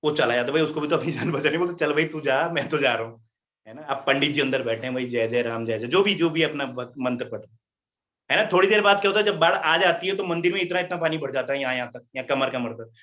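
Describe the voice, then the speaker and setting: A man giving a business presentation, telling an animated story and often asking "right?". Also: mid-range voice, fast, lo-fi sound. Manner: animated, chatty, tags lines with "right?" and "isn't it?"; laughs at his own story.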